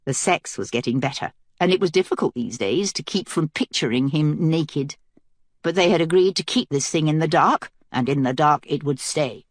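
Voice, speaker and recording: A woman with a low voice reads an audiobook aloud in an even, measured way. Her voice is dry and close, with no room around it. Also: dry recording. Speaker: audiobook narrator. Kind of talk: scripted narration.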